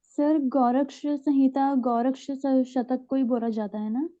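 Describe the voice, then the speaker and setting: Female student with a hesitant question, high, mellow voice, dull sound from far off in the room. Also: steady tone, a little slow. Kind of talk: classroom question.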